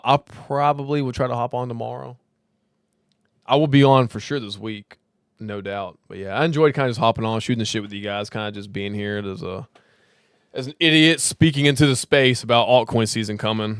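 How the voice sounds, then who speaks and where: A man's voice: medium pitch, clean tone, dry recording, studio quality. Tipsy, rambling man streaming. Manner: loose, rambling, swears freely, laughs often. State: tipsy, slurring slightly. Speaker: crypto livestream host. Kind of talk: casual livestream chat.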